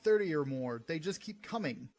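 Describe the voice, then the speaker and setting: A man's voice: fairly high pitch, expressive, normal speed, darkish tone. A man voicing a nervous young ensign in a narrated sci-fi story. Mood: alarmed.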